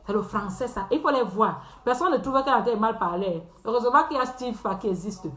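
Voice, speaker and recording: Woman, mocking commentary, high-pitched, roomy echoey recording. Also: fairly quick, fairly bright tone. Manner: sarcastic, imitates and corrects someone's speech. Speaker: online commentator.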